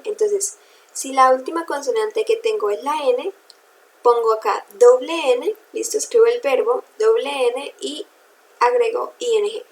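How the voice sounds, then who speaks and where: A woman's voice: on the high side, slight background noise, rough recording. A woman teaching English grammar in a recorded lesson, patiently spelling out letters and checking in with her students.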